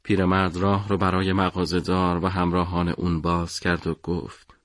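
A man narrating a story for an audiobook in a measured, dramatic way. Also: low-pitched, completely flat delivery, no echo, clean studio sound.

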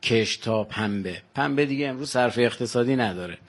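An older man with a Varamini Persian accent, a village guest on a radio show, proudly listing facts about his home. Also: medium pitch. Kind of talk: radio phone-in chat.

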